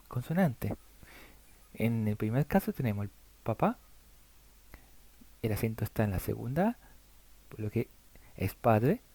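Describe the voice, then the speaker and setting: Man, Italian native, patient pronunciation teacher, lively pitch, dry close voice-over. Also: no room sound. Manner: slow, careful spelling out of letters and examples. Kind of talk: slide-based alphabet lesson.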